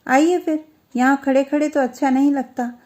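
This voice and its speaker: A woman's voice: high-pitched, steady tone, normal speed, darkish tone, close to an everyday voice. A woman voicing a polite, worldly older female companion. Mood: inviting.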